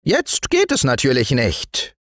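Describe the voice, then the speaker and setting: A man voicing a small gray male forest dwarf in a bedtime storybook, with a thin, high voice and a scolding manner. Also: unhurried, no room sound, clean studio sound. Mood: earnest. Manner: scolding, lively. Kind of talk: storybook reading.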